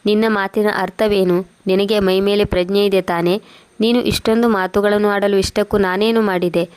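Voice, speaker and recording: A woman reading the lines of a hurt, gentle elderly mother in a storybook tale. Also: mid-range voice, steady tone, normal speed, smooth, lightly acted. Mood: hurt, pleading.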